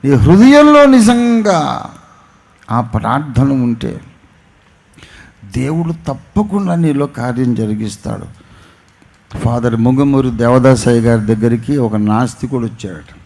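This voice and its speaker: A man's voice: animated, unhurried, pauses often. A male pastor with a Telugu accent preaching a sermon, acting out an anecdote with sudden rises and drops in voice. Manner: dramatic storytelling, voicing characters with swings in pitch and loudness. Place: church gathering.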